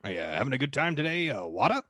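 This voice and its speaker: A man's voice: mid-range voice, very animated, fast, fairly bright tone, dry recording, clean studio sound. A man playing a confidently wrong sports reporter in a mock commentary.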